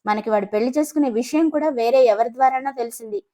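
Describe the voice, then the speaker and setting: A woman's voice: on the high side, fast, dark tone, close to an everyday voice. Woman doing a sarcastic rich dad. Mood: scolding. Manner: sarcastic and boastful. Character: proud, teasing wealthy father, middle-aged man.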